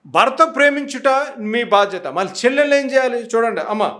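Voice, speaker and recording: A pastor preaching a sermon with emphatic delivery, asking rhetorical questions and mixing in English phrases. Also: male voice, very high-pitched, animated, fairly quick, sharp tone.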